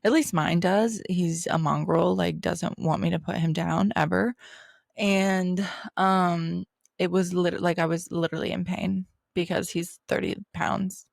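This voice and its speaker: A woman's voice: fairly low pitch, fairly even intonation, unhurried, vocal fry, no echo, studio quality. A young adult woman hosting a podcast, telling a personal story in a casual, chatty way with lots of "like" and laughter. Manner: chatty, heavy use of "like", laughs while telling stories. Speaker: podcast host.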